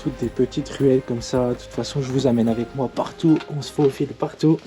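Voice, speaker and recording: A man narrating a casual hiking vlog outdoors, talking haltingly with many fillers and restarts. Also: medium pitch, steady tone, mellow, soft background music. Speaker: hiking vlogger. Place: outdoors on a forest trail.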